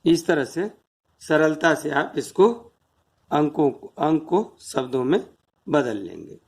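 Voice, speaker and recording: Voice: mid-range voice, lively intonation, takes it slowly, a little mellow, breathy edge. A math teacher giving a step-by-step classroom explanation, counting out place values one at a time and asking rhetorical questions.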